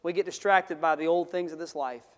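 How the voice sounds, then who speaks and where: High-voiced preacher in a reverberant church. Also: male voice, fairly even intonation, fairly quick. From Florida. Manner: preaching with rising shouts and call-and-response. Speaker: pastor. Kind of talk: sermon. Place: church sanctuary.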